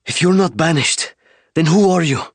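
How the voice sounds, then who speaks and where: A man's voice: fairly high pitch, normal speed, dry recording, pitched above the performer's own voice, close to an everyday voice. A man voicing a frightened young pilot who stammers, shaken and breathless.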